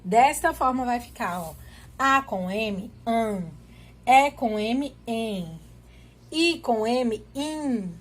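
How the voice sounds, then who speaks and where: A woman's voice: fairly high pitch, takes it slowly. A woman teacher, giving a children's literacy lesson and patiently sounding out syllables one at a time.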